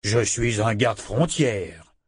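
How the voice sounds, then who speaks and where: A man doing a gruff giant border guard. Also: fairly low pitch, lively intonation, no echo, studio quality, full character voice. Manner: slow, gruff, grumbling delivery. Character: huge gruff male border guard, terse and grumbling.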